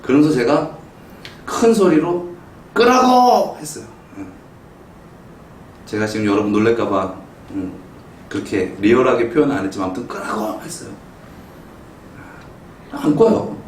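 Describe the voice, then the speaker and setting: A middle-aged male pastor preaching a sermon, telling a family story and acting out his own shouted lines with animated storytelling. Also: fairly low pitch, normal speed, long pauses, slight background noise. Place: church sanctuary. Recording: roomy echo, mic some distance off.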